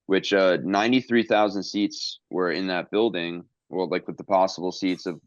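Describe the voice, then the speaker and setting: A man's voice: sits low, fairly even intonation, normal speed, no echo, lo-fi sound. A man hosting a podcast in casual chat, rambling and swearing, with lots of fillers and restarts. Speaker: podcast host.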